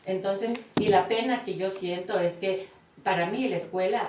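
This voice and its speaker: A woman's voice: medium pitch, normal speed. A woman from Ecuador, a daughter caring for her mother, telling her story in an earnest, emotional way in a casual conversation. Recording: roomy, distant mic with faint noise.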